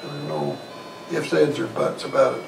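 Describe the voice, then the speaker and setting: Music plays under the voice of a Korean War veteran in his eighties, who recalls his life in a halting, folksy, plain-spoken oral-history interview. He sounds creaky and a little high, with a flat delivery. He's indoors in an armchair in a small living room; the shirt-clipped lavalier yields a roomy, distant sound with faint noise.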